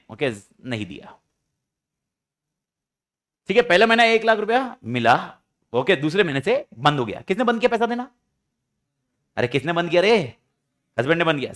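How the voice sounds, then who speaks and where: A young man with a high voice and an Indian accent leads a classroom lecture. He talks lively and animated. He keeps breaking into playful mock exchanges between students and parents to make his points.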